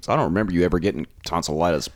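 A man's voice: deep voice, racing. A man in casual conversation, putting in wry, joking interjections. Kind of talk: casual chat.

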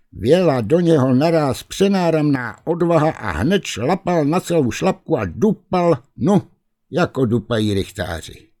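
A man reading a fairy tale aloud in a lively, expressive way. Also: fairly low pitch. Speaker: storyteller.

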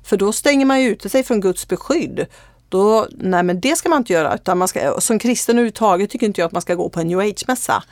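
A woman's voice: medium pitch, expressive, no room sound. Woman, earnest testimony, casual chat, frequent fillers, close dry recording.

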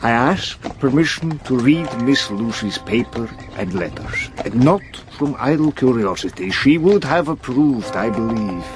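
An actor playing an elderly professor in a radio drama, speaking emphatically with halting phrases and sudden outbursts. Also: male voice, medium pitch, animated, over music, close to an everyday voice. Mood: earnest. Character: elderly male professor, grave and urgent.

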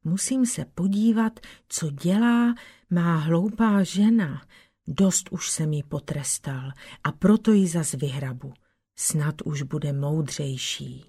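A crafty peasant husband from a spoken folk tale, read by a woman, who talks in a hushed, half-whispered, coaxing way. He sounds calm and knowing, close to a plain storytelling voice. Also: deep voice, husky. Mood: musing. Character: sly, clever peasant husband, teasing and calm.

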